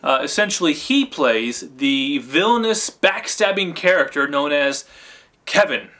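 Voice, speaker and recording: A man's voice: on the high side, measured pace. A young man playing an eager, goofy filmmaker, chatting to the camera behind the scenes of a comedy shoot. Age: young adult. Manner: eager, goofy, excitable director. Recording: noisy amateur camera audio.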